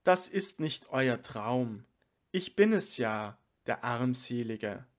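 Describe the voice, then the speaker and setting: An elderly-minded sage, devoted and tearful, speaks with reverent emotion, read aloud by a man. The delivery is slow and measured, as in an audiobook of a sacred play. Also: medium pitch, natural voice. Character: tearful devoted male sage, overcome with love.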